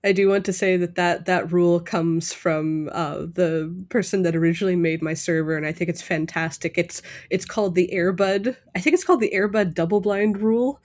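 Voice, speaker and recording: A woman's voice: on the low side, brisk, hardly any pauses. A woman co-hosting a podcast, chatting casually and expressively with laughter. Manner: expressive, laughing, swooping emphasis.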